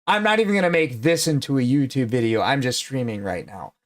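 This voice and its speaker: A man's voice: mid-range voice, expressive, fairly quick. A man hosting a livestream, chatting casually and teasing his guest bluntly with lots of swearing. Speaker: livestream host. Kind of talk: casual stream chat.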